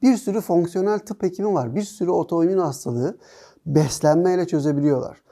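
A man's voice: high-pitched, fairly quick, warm tone. A man as a guest on a talk show, explaining nutrition methodically in casual conversation.

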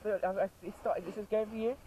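A man's voice: high-pitched, fairly even intonation, fast talker, warm tone. A young man chatting casually and swearing outdoors, queasy and in pain during a chilli challenge. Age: young adult. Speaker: challenge vlogger. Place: outdoors at a park picnic table. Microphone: camera a short way off. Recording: noisy outdoor camera audio.

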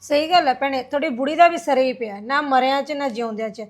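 A woman's voice: high voice, quick pace, natural voice. A woman playing a village woman who agrees with her neighbour while gossiping. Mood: gossipy.

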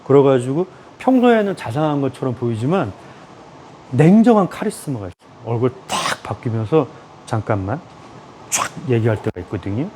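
Animated man lecturing, dark voice. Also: medium pitch, normal speed, slight background noise. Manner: animated, acts out quoted people in raised voices, laughs often. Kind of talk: lively lecture.

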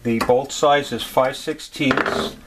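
A man's voice: mid-range voice, takes it slowly, background noise. A man giving a step-by-step repair demonstration at a workshop bench, talking plainly with frequent "uh" fillers. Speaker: HVAC supply instructor.

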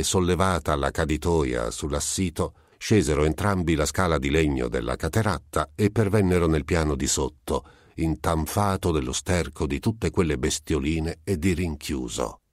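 A man with a very low voice narrates a classic story, measured and deliberate. The recording is close and dry with no room sound. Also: dry recording. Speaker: audiobook narrator. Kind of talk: scripted literary narration.

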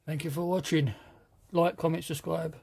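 Halting British man reading paint names. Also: on the high side, little pitch movement, vocal fry, a little mellow, slightly rough. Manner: halting, reads out paint names, admits he can't pronounce them. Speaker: scale model reviewer. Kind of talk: casual unboxing review.

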